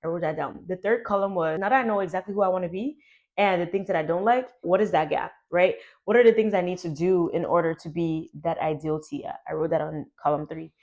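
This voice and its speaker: A young adult woman telling a personal story to her vlog audience in a chatty, animated way, full of "like". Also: on the low side, a little fast, lo-fi sound. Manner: chatty, animated, heavy use of "like". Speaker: YouTuber.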